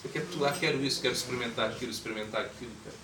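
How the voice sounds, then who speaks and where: A man in the role of swami races through an informal spiritual talk at medium pitch, chatting with the audience through questions and acted-out voices. Noise, echo, and a faraway mic mark the recording.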